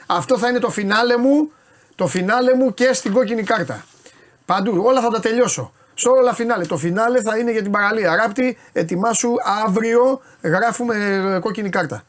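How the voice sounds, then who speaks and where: A man hosting a casual sports show, joking and teasing his co-host in chatty banter. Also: high-pitched.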